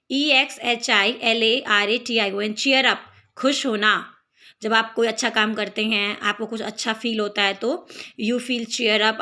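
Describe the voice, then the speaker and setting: A woman's voice: a little high, sharp tone. A woman tutor with an Indian accent teaching English vocabulary, spelling out each word and explaining it in Hindi. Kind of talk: vocabulary lesson.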